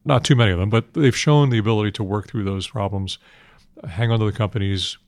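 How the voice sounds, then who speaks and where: An older man answering interview questions on finance in a measured, matter-of-fact investment banker manner, heavy with industry jargon. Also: fairly low pitch, no room sound. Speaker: institutional investment manager being interviewed.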